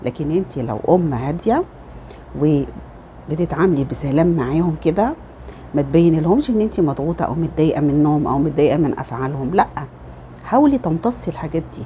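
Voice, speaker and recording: A middle-aged Egyptian woman, a lifestyle vlogger with an Egyptian Arabic accent, offers casual motherly advice in a chatty home vlog. Her voice is low-pitched and dark-toned, expressive and fast, with a little hiss or hum in the recording.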